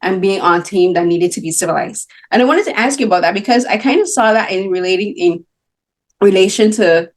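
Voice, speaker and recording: Animated woman interviewer, mid-pitched voice. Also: brisk. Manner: animated, often acting out the voices of others. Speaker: magazine interviewer. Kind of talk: casual interview talk. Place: film festival interview.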